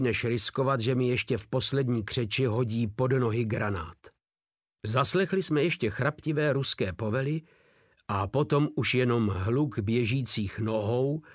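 A man's voice: mid-range voice, no room sound, studio quality. A man narrating a war novel in the first person with a grim, dramatic reading. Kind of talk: audiobook narration.

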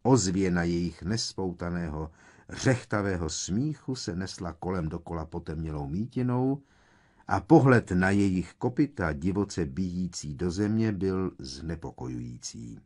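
Expressive low-voiced male audiobook narrator. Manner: dramatic, expressive.

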